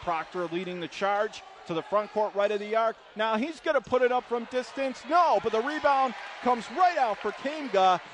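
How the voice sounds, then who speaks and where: Courtside in an indoor arena, an American man calls live basketball play-by-play for radio in punchy, urgent bursts. His voice is high-pitched and expressive, at a moderate pace with few pauses. Loud gym noise, arena ambience, and bouncing basketballs fill the background.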